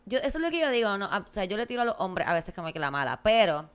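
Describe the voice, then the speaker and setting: A woman's voice: medium pitch, very animated, rapid-fire, smooth. A woman with a Puerto Rican accent hosting a casual podcast chat, laughing often as she reads listener messages aloud. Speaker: podcast host.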